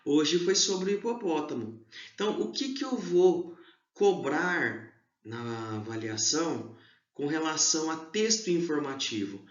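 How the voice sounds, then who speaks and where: A male teacher giving an exam review lesson to schoolchildren, explaining slowly and stressing key syllables. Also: high-pitched. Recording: echoey room, dull lo-fi sound.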